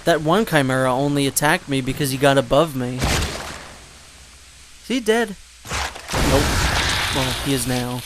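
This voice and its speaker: A man's voice: mid-range voice, steady tone, fairly quick, noisy background. A man giving casual gameplay commentary, rambling with joking asides and fillers. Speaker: let's play commentator.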